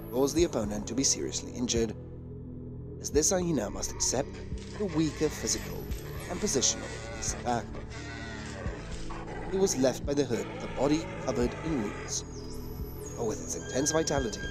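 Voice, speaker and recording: A man reading scripted narration for a wildlife documentary. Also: medium pitch.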